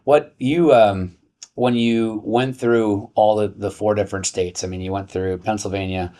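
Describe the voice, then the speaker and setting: A man's voice: lowish voice, steady tone, mellow. A man hosting an interview, chatty and asking questions with frequent restarts and asides. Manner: chatty, restarts his sentences, quick asides. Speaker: host. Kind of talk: casual interview conversation.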